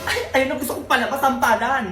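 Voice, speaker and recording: A woman's voice: high voice, fairly even intonation, quick pace. A woman from the Philippines performing brash, bickering comedy skit dialogue, teasing and scolding. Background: background music.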